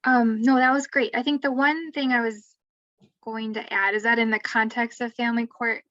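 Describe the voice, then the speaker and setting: A woman's voice: on the high side, little pitch movement, normal speed, a bit bright, no echo. A woman who advocates in family law, explaining court steps in a conversational webinar style with frequent asides. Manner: conversational, thinks aloud with asides. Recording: distant dull lo-fi mic, dry.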